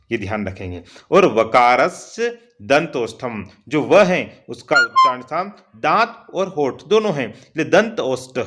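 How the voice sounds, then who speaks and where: A man teaching a Sanskrit lesson, reciting sutras slowly and checking in with "है ना" again and again. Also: medium pitch, fairly bright tone. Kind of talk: explanatory online lesson.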